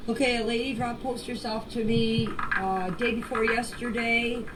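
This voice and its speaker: A grandmother replying to questions in a group voice chat sends voice messages with an emotional personal statement. Her voice is on the high side, with fairly even intonation and a moderate pace, and she comes across as plain-spoken, pleading, and insistent. The amateur recording sounds distant and noisy.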